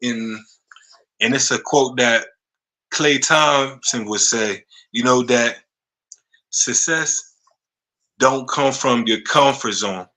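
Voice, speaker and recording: Slow, halting man in his thirties. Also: mid-range voice, sharp tone, poor audio. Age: 30s. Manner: halting, repeats words, frequent "you know what I'm saying". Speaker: podcast host. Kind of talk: casual interview chat.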